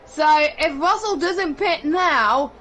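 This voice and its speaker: A woman calls a sim race live with an excitable, exclamation-filled delivery. Her voice sits high and bright, with a sharp edge. A faint hiss runs underneath. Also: slow pace. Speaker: esports race commentator. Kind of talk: live sim racing commentary.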